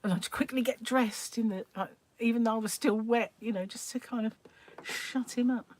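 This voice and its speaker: A woman's voice: on the high side, normal speed, darkish tone, a little hiss or hum. An older woman, hosting a live stream and telling family stories in a chatty way, laughing often between remarks. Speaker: livestream host. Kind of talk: casual anecdotal chat.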